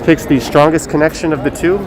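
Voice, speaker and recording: A man chats casually and haltingly on a live stream, speaking through a face mask. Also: a little high, steady tone. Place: outdoors in a windy downtown city square. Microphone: phone on a gimbal. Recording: noisy windy city street, traffic.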